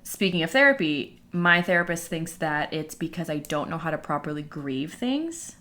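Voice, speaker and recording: A young woman with a slightly low voice talks as if to her followers in a casual, candid way. She is audibly out of breath, breathing heavily between phrases, and her chatty storytelling is peppered with "like". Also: big pitch swings, normal speed, pushed and bright. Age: young adult. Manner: chatty, filler-heavy with frequent "like". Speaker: vlogger speaking to followers.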